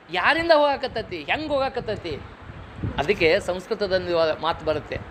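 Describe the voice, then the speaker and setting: A middle-aged man speaks with a North Karnataka Kannada accent and a noticeably high pitch. He delivers a moral lecture in a lively, folksy way, firing off rhetorical questions and telling stories from home. A faint hiss of noise sits under his voice. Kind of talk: public moral lecture with storytelling.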